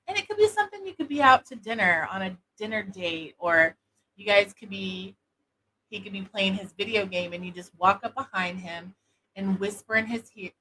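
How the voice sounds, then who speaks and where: A woman hosting a casual product demo, talking in a soft, sultry voice with many fillers. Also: medium pitch, slight background noise, rough recording. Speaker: host of an intimacy product show.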